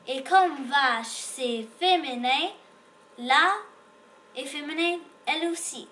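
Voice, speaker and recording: Slow, patient woman teaching reading. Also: high voice, fairly bright tone, slight background noise. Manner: sounds out letters patiently, repeats each word. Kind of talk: slow beginner reading lesson.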